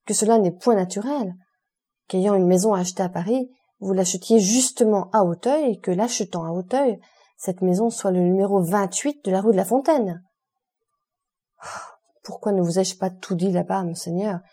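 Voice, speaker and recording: A woman's voice: mid-range voice, moderate pace, mellow, husky, lightly acted. A woman reading the part of a terrified, superstitious male steward in an audiobook, pleading in agitated, raised exclamations. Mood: frightened pleading.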